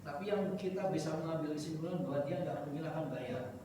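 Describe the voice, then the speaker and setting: Hesitant questioner far off in echoey room. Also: male voice, a little high. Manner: hesitant, halting with fillers. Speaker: audience member asking a question. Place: prayer room audience. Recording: distant, echoey, noisy room mic.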